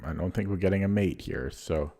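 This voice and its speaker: A man with a low, deep, mellow voice sounds hoarse and keeps clearing his throat. He's live-streaming chess, thinking aloud and muttering over each move. His talk is casual and unhurried.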